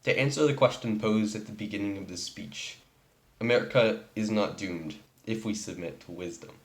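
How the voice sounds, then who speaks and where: Low-voiced man giving a prepared speech. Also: normal speed. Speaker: speech giver.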